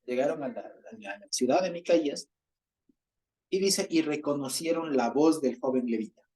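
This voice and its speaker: A man's voice: a little high, normal speed, dark tone. A man leading a Bible study, reading passages aloud and often checking in with his listeners. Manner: keeps checking in with the group, reads passages aloud; chuckles while explaining.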